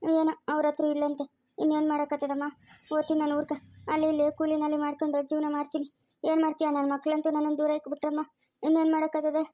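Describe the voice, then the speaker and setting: A woman's voice: high-pitched, completely flat delivery, fast talker, warm tone, no echo, studio quality, close to an everyday voice. A woman voicing a weeping poor laborer father. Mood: resigned. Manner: pleading, self-pitying. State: crying. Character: poor weeping male farm laborer father, middle-aged. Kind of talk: cartoon voice acting.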